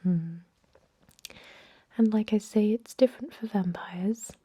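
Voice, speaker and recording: In an ASMR role-play, a woman plays a thousand-year-old vampire medic, whispering breathily and unhurriedly with soothing murmured hums. Her mid-range voice is dark and husky as she calmly explains.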